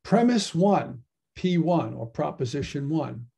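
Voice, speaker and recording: A man's voice: a little high, animated, unhurried, vocal fry, mellow, husky, muffled recording. A man giving a casual philosophy lecture, explaining ideas in a conversational way and often checking in with "right?". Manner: conversational, frequent tag "right?". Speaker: philosophy teacher.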